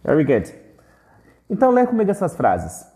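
A Brazilian Portuguese-speaking man teaching English, pronouncing English words slowly for learners to repeat and explaining quickly in Portuguese. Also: sits high, wildly swooping pitch, dark tone. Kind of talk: English lesson with repeat-after-me drills.

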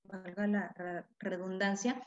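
A woman appears as a guest expert in an interview, explaining parenting and acting out the voices of parents and children. Her mid-range voice is level in tone and unhurried, and the recording sounds echoey, dull, and lo-fi.

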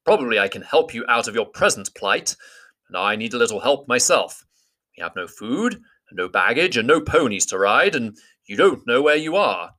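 Guy doing a grand old wizard, formal and bossy, bright edge. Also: mid-range voice, big pitch swings, moderate pace. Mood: grave. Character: old male wizard, wise and commanding.

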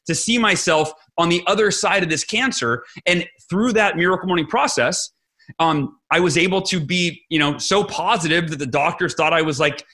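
Man, middle-aged, interview guest, enthusiastic storyteller, somewhat high voice, bright tone. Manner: enthusiastic, quotes others' speech often. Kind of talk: animated storytelling in conversation.

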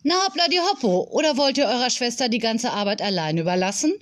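A woman doing a brisk, witty nanny. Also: sits high, pitched above the performer's own voice.

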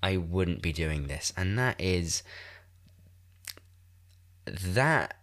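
Very slow and expressive, a man with a low, fairly bright voice hosts his own podcast. He is in his twenties with a congested nose, and he rambles, swears, and jokes at his own expense into a desk mic in a room of a shared house.

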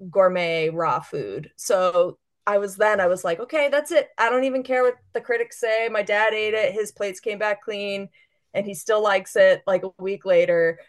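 A woman chef as a guest, chatting casually and enthusiastically, filling her talk with "like". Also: lowish voice. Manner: chatty, fillers of "like" throughout; enthusiastic, gushing. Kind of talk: casual interview chat.

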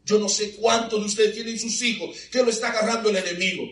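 A man preaching a sermon in a church, animated and calling on the congregation for answers. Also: high-pitched, fast. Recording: echoey hall, mic far off.

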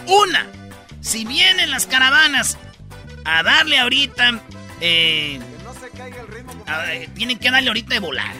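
Guy, high piercing bright voice, rowdy joking host, music under it. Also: very animated, a little slow, long pauses. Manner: rowdy storytelling with slang and sound effects. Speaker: radio comedy host. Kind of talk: joking radio banter.

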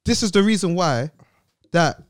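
A man's voice: high voice, expressive, moderate pace, dry recording, clean studio sound. A young man with an urban London roadman accent, hosting casual group banter in a slangy, exasperated ranting manner. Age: young adult. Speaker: podcast host.

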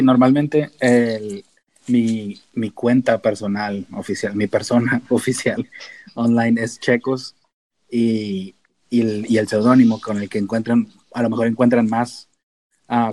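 A lowish, darkish, fairly even voice belongs to a man from Tijuana with a northern Mexican accent, a data analyst and researcher guesting on a podcast. He talks unhurriedly, and the recording is rough. He explains things informally in a casual interview style, sprinkling in English terms.

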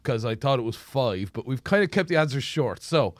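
A man's voice: mid-range voice, very animated, a little fast, no room sound, clean studio sound. A man hosting a comedy podcast, chatting casually and laughing often. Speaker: podcast host.

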